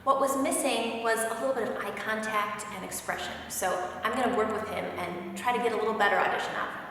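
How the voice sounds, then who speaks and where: A woman directing auditions, briskly interrupting and giving notes. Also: a little high, steady tone, fairly bright tone. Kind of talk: instructional talk. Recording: echoey hall from far off.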